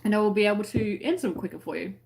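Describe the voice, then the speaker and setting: A woman's voice: mid-range voice, expressive, racing, gravelly, darkish tone. A woman with an Australian accent chatting casually to live-stream viewers in a rambling, conversational way, often trailing off mid-thought. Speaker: crochet tutorial live-stream host.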